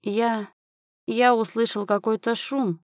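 A woman's voice: on the high side, steady tone, slow, no room sound, studio quality, voice pushed up. Woman doing a whiny cowardly young nobleman. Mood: whining. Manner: mumbling, pleading.

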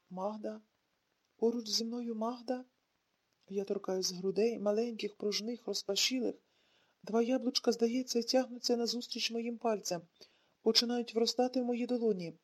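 A woman narrating a novel in the first person, in a calm, even reading voice. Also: mid-range voice. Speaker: audiobook reader.

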